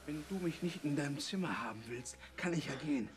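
An actor playing an eager, touchy friend with a theatrical manner in a film comedy. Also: male voice, fairly high pitch, animated, brisk, a little hiss or hum. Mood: offended.

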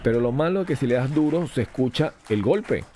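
A man's voice: mid-range voice, lively intonation, brisk, mellow, slight background noise. A man hosting a podcast, giving a casual, rambling hands-on review of a mixer and testing it aloud. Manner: rambling, chatty, tests gear aloud.

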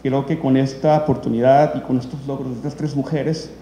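A man's voice: medium pitch, flat delivery, fairly quick, warm tone. Rambling man in an echoey hall. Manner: rambling, many fillers and restarts. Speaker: event host presenting documentaries. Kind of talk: unscripted spoken introduction at a press event. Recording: echoey hall, faint room noise.

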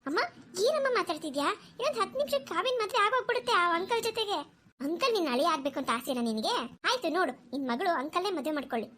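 A woman voicing a blunt, outspoken young woman in a cartoon, sharp-tongued and defiant. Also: extremely high pitch, lively intonation, quick pace, voice pushed down. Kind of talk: cartoon voice acting.

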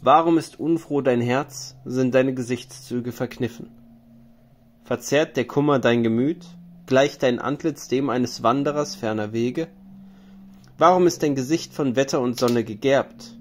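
A man's voice: mid-range voice, measured pace, a little hiss or hum, natural voice. A man voicing a male ferryman who asks grave, probing questions.

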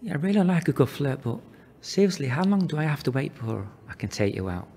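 A man's voice: a little high, sing-song, fast, a little mellow, breathy edge, long reverb tail. A man acting a cocky, flirtatious role in a scripted drama scene. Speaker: actor in a scene.

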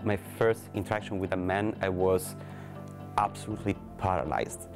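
Deep-voiced young Italian man, hesitant. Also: steady tone. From Italy. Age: 20s. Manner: hesitant, candid, speaks in short pauses. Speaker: interviewee. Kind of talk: to-camera interview. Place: studio with blue backdrop. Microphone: lapel. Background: background music.

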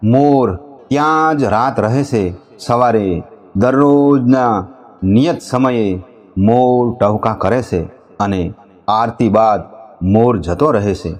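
A man telling a devotional folk legend, reciting couplets slowly and drawn out between passages of narration. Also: mid-range voice, darkish tone. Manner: slow, measured recitation, drawing out couplets. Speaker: storyteller. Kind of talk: devotional folk storytelling with chanted verses.

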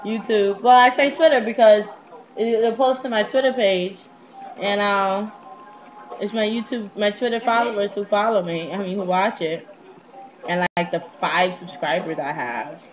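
A vlogger in her twenties talks at a moderate pace in a mid-range voice with fairly even intonation, casually telling her webcam personal stories. She's open, slangy, and swears freely. Recorded in a small room at home on a netbook's built-in webcam mic, the audio is dull and lo-fi.

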